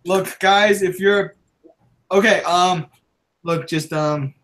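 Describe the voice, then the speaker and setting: A young man hosting a casual podcast chat, rambling, excitable and swearing freely, often out of breath. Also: high-pitched, slow pace. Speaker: podcast host.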